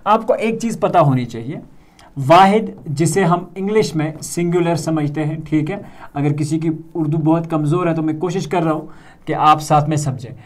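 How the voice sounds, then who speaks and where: A young man with a Kashmiri accent teaching a grammar lesson, repeating words slowly and checking in often with "theek hai". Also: on the high side.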